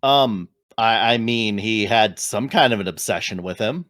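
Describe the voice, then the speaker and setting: A man co-hosting a gaming podcast in casual chat, talking things through in a measured way. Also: fairly low pitch, fairly bright tone, no room sound, clean studio sound. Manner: measured, many "you know" fillers. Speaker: podcast co-host.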